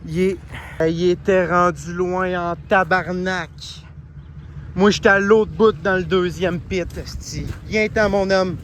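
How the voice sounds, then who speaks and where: A man with a Québécois accent talks slowly in a casual outdoor vlog, his voice sitting a bit high as he rambles and swears. Outdoor ambience and distant vehicles come through clearly behind him on the handheld recording. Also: fairly even intonation, fairly bright tone, a little hiss or hum. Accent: Québécois French. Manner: swears often, rambling and breathless while searching. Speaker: outdoor vlogger. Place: outdoors in gravel pits and woods.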